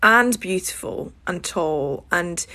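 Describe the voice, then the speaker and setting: A woman's voice: lowish voice, animated, slow, pushed and bright. A woman telling stories about her friend in a reflective conversation, laughing easily. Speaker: interviewee.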